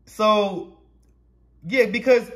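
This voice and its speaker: A man's voice: sits high, extremely slow, fairly bright tone. A man of thirty-nine with a Southern US accent, running a casual street interview with chatty questions and easy laughter. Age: 30s.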